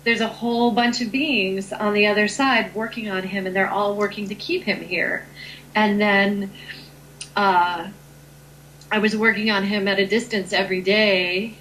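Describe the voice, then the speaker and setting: A woman's voice: medium pitch, a bit bright, slight background noise, poor audio. A woman being interviewed as a Reiki healer, talking in a hesitant way with many ums and restarts. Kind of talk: conversational interview.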